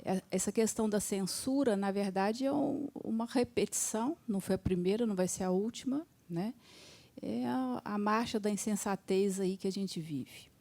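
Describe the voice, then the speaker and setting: A woman's voice: mid-range voice, moderate pace, warm tone. A woman in her fifties from Minas Gerais, a surgeon and literature student, earnestly asking a critical question from the audience. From Minas Gerais, Brazil. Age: 50s.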